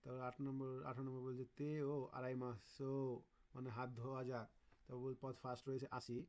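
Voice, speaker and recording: A Japanese language teacher runs a casual exam-prep lesson, guiding students through kanji questions. His middle-pitched, slightly mellow voice barely moves in pitch, and he pauses to sound out Japanese words slowly as if thinking aloud.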